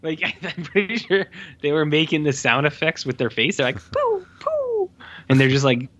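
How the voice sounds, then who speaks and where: A man chatting casually and jokingly about films as a podcast co-host, in an animated manner. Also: on the high side, brisk, lo-fi sound. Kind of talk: casual, joking movie chat.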